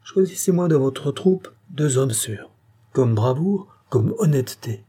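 A man's voice: mid-range voice, animated, unhurried, mellow, husky, pitched above the performer's own voice. A man voicing a shrewd, grim middle-aged bailiff who talks in a sly, knowing, insistent way.

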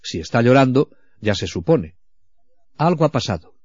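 At a spiritual retreat, a man preaches slowly and reflectively, often sinking into a hush. His ordinary-pitched voice is slightly rough, with big pitch swings. The recording sounds dull and lo-fi, dry and close with no echo.

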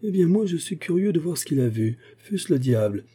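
A man's voice: on the high side, brisk, slightly rough, voice pushed up. A man doing brash young officers. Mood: eager. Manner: brash and excited. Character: hot-headed young male officers, mocking then furious.

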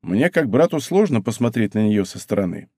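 A man's voice: lowish voice, big pitch swings, a little fast, mellow, no echo. Guy reading as a reserved polite young man, dry close sound.

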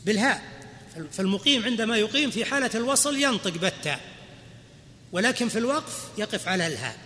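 A man's voice: high-pitched, lively intonation, fast talker, sharp tone. A man teaching Arabic grammar to a class, explaining patiently and quizzing his students. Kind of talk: classroom lecture. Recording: hall reverb, faint noise.

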